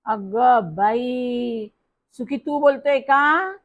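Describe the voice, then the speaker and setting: A woman voicing a shrill, scolding middle-aged aunt who shrieks and accuses down the phone. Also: measured pace, muffled recording.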